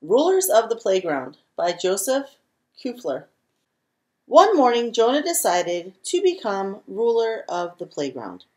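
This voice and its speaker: A woman with a mid-range voice reads a children's picture book aloud, taking her time and telling the story expressively.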